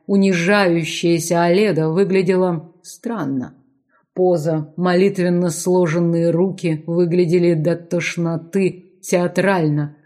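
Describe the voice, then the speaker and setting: A woman reading a dramatic audiobook narration in a measured, steady way. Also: on the low side. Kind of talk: scripted narration.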